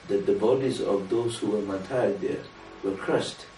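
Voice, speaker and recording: A man with a fairly low voice delivers an earnest, measured sermon, pressing harder on key points. He sounds set back from the mic in an echoing room, with a faint hiss underneath. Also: warm tone, soft background music. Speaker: religious speaker. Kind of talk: sermon to a small gathering. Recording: roomy room from a distance, faint noise.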